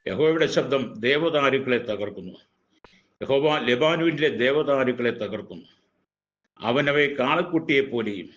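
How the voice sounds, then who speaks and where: A pastor reads a scripture passage aloud, a man's voice of middling pitch moving at an even, declaiming pace. The recording is dull and lo-fi, with the top end muffled.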